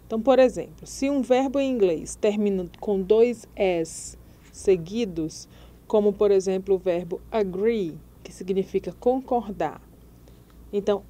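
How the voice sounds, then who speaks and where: A woman gives an English grammar lesson at a slow, unhurried pace. Her voice has a mellow, darker tone. She explains each rule patiently and spells out letters one by one. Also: medium pitch. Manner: patient, spells out letters and repeats example words slowly. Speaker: English teacher.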